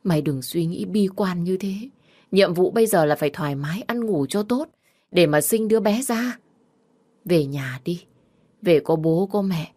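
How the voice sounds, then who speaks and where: A woman voicing a frantic, scolding older mother in a narrated story, raising her voice high and loud. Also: animated, normal speed. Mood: anxious pleading.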